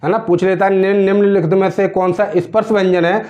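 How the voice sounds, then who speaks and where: A man's voice: high voice, level tone, quick pace, a little mellow. A male teacher giving a grammar lesson, asking questions and answering them himself, often checking in with his students. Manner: keeps checking in with "theek hai na". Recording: dull lo-fi recording.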